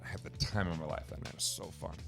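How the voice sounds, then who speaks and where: A man's voice: low-pitched, racing, gravelly, faint music behind. A middle-aged man host, telling stories in casual chat and acting out quoted dialogue. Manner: animated storyteller, acts out quoted dialogue.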